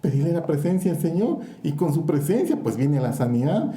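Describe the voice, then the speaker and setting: A man's voice: fairly high pitch, big pitch swings, a little fast, mellow, reverberant. A man with a Guatemalan Spanish accent preaching a fervent sermon in church, directly questioning his congregation.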